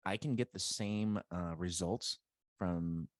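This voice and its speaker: A man's voice: sits low, takes it slowly, no echo. A man hosting a podcast in casual chat, laid-back and teasing in his banter. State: married. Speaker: podcast host.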